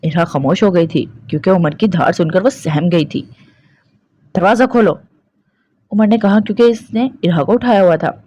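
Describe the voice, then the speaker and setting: A woman's voice: on the low side, a little fast, mellow, lo-fi sound. A woman narrating a romance novel aloud, reading steadily as a storyteller.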